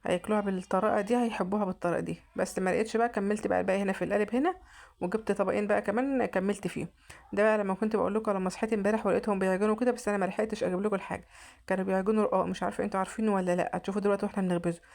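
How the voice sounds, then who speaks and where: A woman's voice: medium pitch, steady tone, very fast, vocal fry, a little mellow. A woman with an Egyptian accent, narrating her home cooking in a chatty, casual way and often restarting her sentences. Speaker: vlogger.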